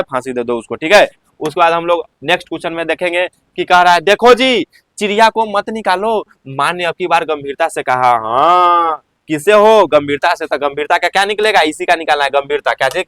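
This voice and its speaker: A man with a Bihari Hindi accent is teaching a school Hindi lesson and keeps tossing questions to his listeners before he answers them. His voice sits a little high for a man. The recording is close and dry, with no room sound. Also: fairly bright tone, clear, resonant tone, no echo. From Bihar, India. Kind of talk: explaining Hindi class exercises to students.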